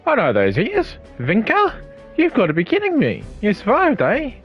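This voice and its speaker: A man voicing an excited young man who greets an old friend in a video game, reading the lines aloud with eager exclamations. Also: sits high, a little fast, lo-fi sound, faint music behind, voice pushed up.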